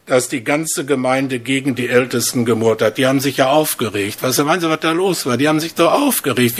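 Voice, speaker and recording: A man preaching a sermon, telling stories with lively rhetorical questions. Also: mid-range voice.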